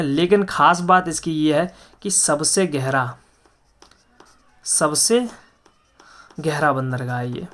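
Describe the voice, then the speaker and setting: A man's voice: fairly high pitch, a bit bright. A man teaching an exam-prep geography lesson, who asks each question and answers it himself, repeating facts with frequent hesitations.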